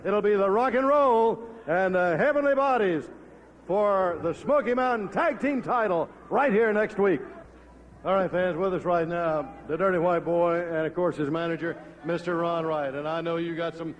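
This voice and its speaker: A wrestling TV announcer with a fairly high voice. He reads sponsor copy and introduces guests in a smooth, steady manner. A faint hum of room noise sits behind him. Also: normal speed, lo-fi sound. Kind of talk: announcer read and interview.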